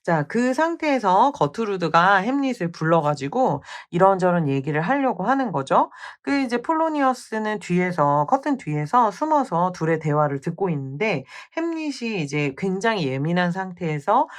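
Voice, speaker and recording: A woman storyteller walks through a classic play's plot in a relaxed, chatty manner and keeps asking rhetorical questions. Her voice sits on the low side, but her pitch rises and falls vividly. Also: normal speed, few pauses. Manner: animated, conversational, uses rhetorical questions. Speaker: literature storyteller. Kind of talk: casual storytelling retelling of a play.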